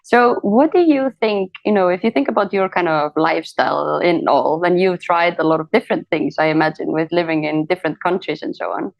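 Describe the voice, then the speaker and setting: A woman's voice: on the low side, fairly quick, creaky, hardly any pauses, dry recording, lo-fi sound. A woman hosting a podcast interview, friendly and encouraging, with frequent agreeing sounds. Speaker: podcast host. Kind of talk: casual interview chat.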